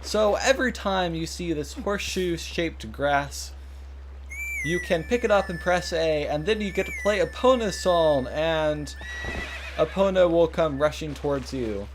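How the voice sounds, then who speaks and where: A man's voice: on the high side, lively intonation, background noise. A man hosting a let's play with casual, rambling, self-deprecating gameplay commentary. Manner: rambling, self-deprecating, halting when reading.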